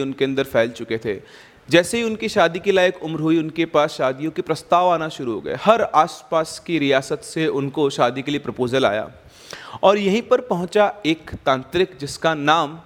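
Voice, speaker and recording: Male travel vlogger, slightly raised pitch, chatty on-location narration, long echoing reverb. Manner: conversational, chatty asides, mixes English words. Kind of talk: casual on-location tour narration. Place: at a ruined hilltop fort.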